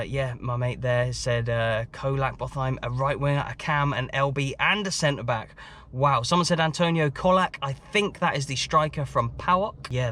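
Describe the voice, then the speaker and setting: A man's voice: mid-range voice, a bit bright. A young man casually talking to camera about football for his vlog, chatty and rambling. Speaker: football vlogger.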